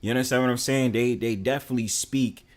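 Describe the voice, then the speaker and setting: A young man from New York City talks fast to his stream in a mid-range, steady-toned voice with a New York accent. He's casual and blunt, rambling with heavy fillers and plenty of swearing.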